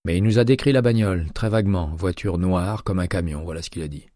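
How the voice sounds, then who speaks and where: A man's voice: deep voice, fast, mellow, dry recording, studio quality, lightly acted. A man reading an audiobook, voicing a matter-of-fact male police detective who lays out the facts of a case. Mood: explaining.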